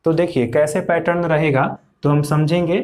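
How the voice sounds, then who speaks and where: A man's voice: a little high, steady tone, moderate pace, a little mellow. A man teaching an English pronunciation lesson, patiently repeating each point for learners.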